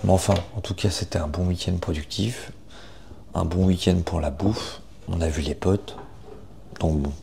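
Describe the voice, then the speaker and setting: A young man chatting casually in a morning vlog, informal and self-deprecating, with a gravelly morning voice full of vocal fry. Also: low-pitched, fairly even intonation, normal speed, noisy background. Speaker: vlogger.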